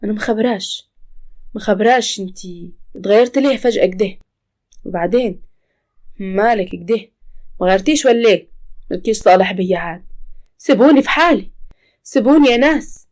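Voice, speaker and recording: A woman's voice: medium pitch, a little fast, pauses often, darkish tone, natural voice. A woman voicing a frightened, despairing young woman who talks in pleading, tearful tones. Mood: defiant.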